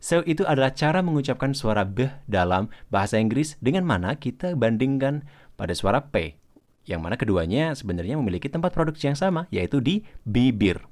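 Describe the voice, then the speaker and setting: A man teaching English pronunciation, explaining each sound and then saying example words slowly and repeating them. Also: mid-range voice, big pitch swings, darkish tone. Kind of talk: pronunciation lesson.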